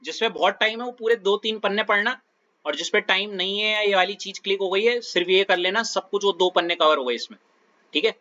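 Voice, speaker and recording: Bright-voiced male chemistry teacher. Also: high-pitched, fairly quick, muffled recording. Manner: coaxing, checks understanding often. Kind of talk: classroom lecture.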